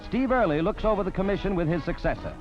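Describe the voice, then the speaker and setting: A man narrates an old 1940s newsreel in an emphatic, declamatory announcer style, his high voice animated and fast. The soundtrack is dull and lo-fi, like old film, with a music score playing behind him.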